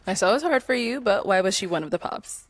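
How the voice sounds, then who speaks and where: A woman hosting a dating show who prompts each contestant in a brisk, friendly way. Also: medium pitch, lively intonation, dry recording.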